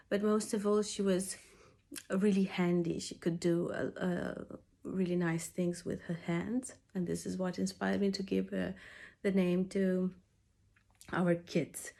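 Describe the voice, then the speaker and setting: A woman's voice: mid-range voice, gravelly, dark tone. A woman from Romania with a Romanian accent, speaking English with a nasal voice from a cold, teaching a cross stitch tutorial hesitantly with many fillers. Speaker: craft workshop founder teaching cross stitch. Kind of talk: home craft tutorial.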